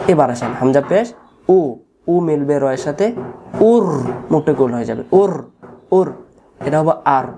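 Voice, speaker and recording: Man, Bangladeshi Bengali accent, tajweed teacher, slow repetitions, mellow dark voice. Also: on the high side, a little hiss or hum. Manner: slow, repeats each sound for learners to follow. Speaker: Quran recitation teacher. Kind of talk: tajweed lesson.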